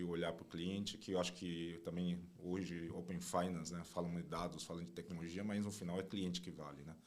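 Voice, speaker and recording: A man in his forties from Taiwan, a consulting partner telling his career story as a podcast guest, often tagging his sentences with "né?". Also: deep voice. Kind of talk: relaxed interview conversation.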